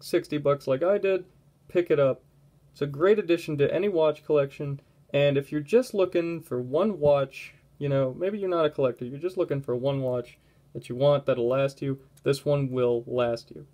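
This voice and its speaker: A young man giving a casual watch review at home, relaxed and rambling, often breaking off mid-thought. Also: fairly high pitch. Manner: relaxed, rambling, self-interrupting. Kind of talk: casual product review vlog.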